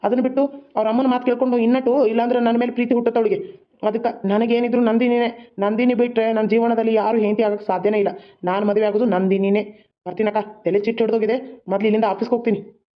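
Voice actor doing a blunt young brother, fast talker, dull lo-fi sound. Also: medium pitch, flat delivery, close to an everyday voice. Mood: defiant. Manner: exasperated, blunt, quick-talking. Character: young man, hot-headed rich younger brother. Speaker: cartoon voice actor. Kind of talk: homemade cartoon drama dialogue.

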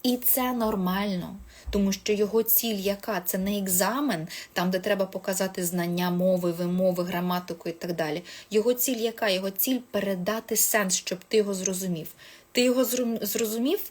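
A woman's voice: medium pitch, fairly even intonation, fairly quick, darkish tone. A woman English teacher giving casual advice on speaking a foreign language, chatty, with many hesitations and self-corrections.

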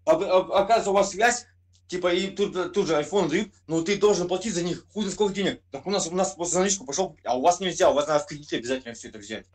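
A man in his forties who grew up in Russia, a truck driver, swearing and snapping back on a video call from indoors. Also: sits high. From Russia, born in Kyiv. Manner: crude, swearing, quick retorts. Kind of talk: heated video chat argument. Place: indoor room. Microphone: webcam video call.

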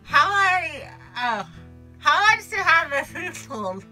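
A woman's voice: high-pitched, sing-song, slow pace, pushed and bright, low-quality recording. A woman in her thirties chatting and joking through a game, giggly, with her words slurred by a mouth held propped open. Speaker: vlog host. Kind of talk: casual joking chat during a challenge game. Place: small indoor space, RV. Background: music.

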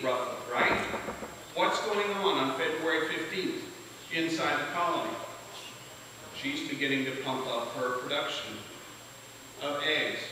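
A man teaching a beekeeping class to a live audience in a lively lecture manner, often putting questions to the room. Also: fairly high pitch. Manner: energetic, asks the audience questions. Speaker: beekeeping instructor. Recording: echoey hall from far off, hiss.

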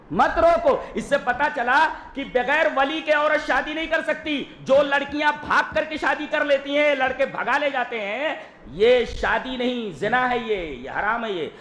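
A male Islamic scholar lectures with emphasis, posing questions and answering them himself. His voice sits fairly high and swings widely in pitch. The recording carries a roomy echo and a faint hum behind him. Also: a bit bright. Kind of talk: religious lecture on family law.

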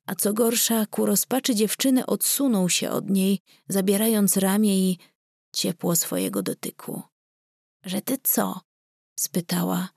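Woman narrator, unhurried, measured, intimate, dry close studio sound. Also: medium pitch, vocal fry, a little mellow, no room sound. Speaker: audiobook narrator. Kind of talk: scripted audiobook narration.

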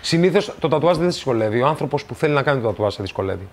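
A man from Greece, a tattoo artist, telling stories in a casual interview and acting out the dialogue. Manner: animated, acts out dialogue, rises in pitch when quoting.

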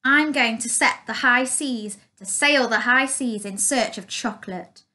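A woman voicing an adventurous, excited young boy as she reads a picture book aloud. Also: a little high, measured pace. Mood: eager. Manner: eager, exclaiming.

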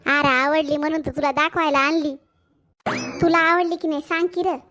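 Woman doing bashful cartoon boy in love, high voice, soft and dreamy. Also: fairly even intonation, normal speed, soft background music. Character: lovestruck shy schoolboy. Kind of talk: cartoon voice acting.

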